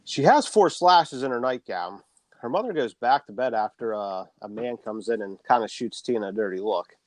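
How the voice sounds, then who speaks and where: A man's voice: mid-range voice, lively intonation, normal speed, no room sound. A man co-hosting a podcast, casually recapping a horror film plot and swearing freely.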